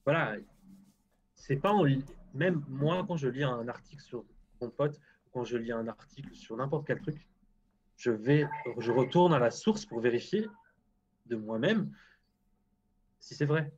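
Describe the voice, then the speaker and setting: A man's voice: medium pitch, lively intonation, unhurried, pauses often, a little mellow, highs cut off, a little hiss or hum. A man with a French accent, guest agroclimatologist on a live stream, talking bluntly and often restarting sentences. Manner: blunt, self-deprecating, lots of restarts.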